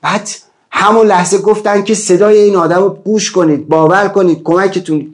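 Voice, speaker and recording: A man teaching a self-help class, talking in an animated way with big swings in pitch, repeating and listing words for emphasis, with small stumbles and restarts. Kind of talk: lecture to an online class.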